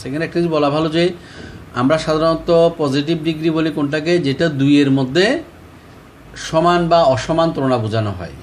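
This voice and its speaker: A man, teaching an English grammar lesson to school students and slowing down to spell out each English example. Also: fairly high pitch, a little hiss or hum.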